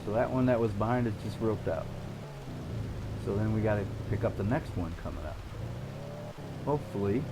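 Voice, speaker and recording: A man giving casual gameplay commentary, thinking aloud in an unhurried way as he narrates his play. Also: fairly low pitch. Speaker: gamer narrating a storm-chasing simulation game. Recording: clear steady background noise.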